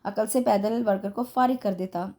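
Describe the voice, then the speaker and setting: A woman's voice: medium pitch, steady tone, moderate pace, dark tone, close to an everyday voice. A woman voicing an arrogant, sarcastic young male businessman who speaks curtly. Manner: curt, mocking.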